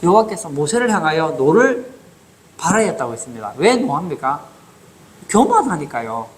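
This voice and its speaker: A man's voice: a little high, big pitch swings, normal speed. A man preaching a sermon as pastor in a church, asking the congregation rhetorical questions.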